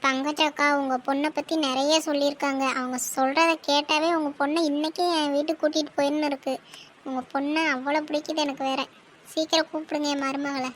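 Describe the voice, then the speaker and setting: In a cartoon, a fussy middle-aged mother of the groom talks loud and bossy, as a woman voices her. Her voice sits high and carries. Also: little pitch movement, brisk, a little hiss or hum, lightly acted. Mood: demanding. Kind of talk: cartoon voice acting.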